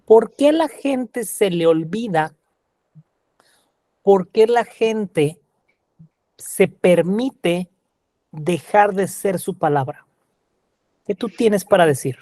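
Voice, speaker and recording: A man facilitating a coaching workshop, asking slow, reflective questions. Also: high-pitched, lively intonation, mellow, no room sound.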